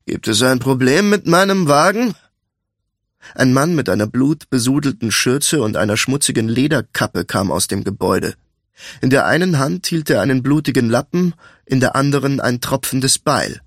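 A man reads a fantasy audiobook in an even, measured way. His mid-range voice sits close to the mic in a dry, dead studio sound. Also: mid-range voice, dry recording. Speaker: audiobook narrator. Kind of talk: scripted fantasy narration.

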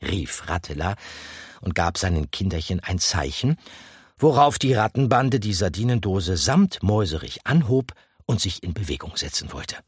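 Male audiobook narrator, husky and low-ish, very animated delivery, dry sound. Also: moderate pace, dry recording. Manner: expressive storytelling. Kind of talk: scripted narration.

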